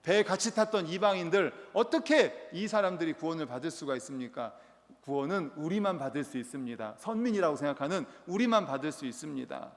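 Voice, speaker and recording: A man's voice: a little high, expressive, fairly quick. A male pastor voicing a stubborn prophet who scornfully refuses. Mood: defiant. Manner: defiant, scornful. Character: stubborn resentful prophet, adult man. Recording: long church hall reverb.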